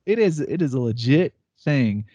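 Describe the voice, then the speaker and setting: Male podcast co-host, thirties, warm low-key tone, dry sound, animated storyteller. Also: moderate pace, no room sound. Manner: animated storytelling, laughs often, acts out quotes. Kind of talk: casual chat. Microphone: remote call setup.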